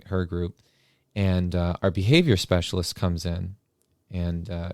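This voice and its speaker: A low-pitched man tells a story in a casual, animated way, full of hesitations and fillers. His voice is smooth and resonant. It is recorded close and dry, with no room sound. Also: no room sound. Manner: animated anecdote-telling with many filler sounds. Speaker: podcast host and classroom paraprofessional.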